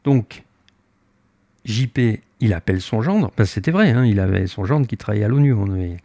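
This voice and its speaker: A man's voice: on the low side, normal speed, dry recording. An older man, a sailboat captain, recounting his voyage and acting out his own heated exchanges in casual spoken storytelling. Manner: animated, acts out his own heated dialogue.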